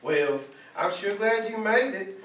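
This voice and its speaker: A man's voice: sits high, animated, measured pace, a bit bright, roomy sound, far from the mic, slight background noise. A man acting as a fussing middle-aged mother in a school play, scolding in a motherly drawl. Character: fussing Southern mother Rose, middle-aged, bossy but loving. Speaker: student actor.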